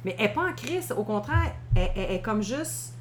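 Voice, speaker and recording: A woman's voice: medium pitch, lively intonation, quick pace, faint music behind. A woman with a Québécois French accent, tipsy, joking and swearing freely as she co-hosts a casual film podcast. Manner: joking, swears freely, breaks into shouted catchphrases. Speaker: podcast co-host.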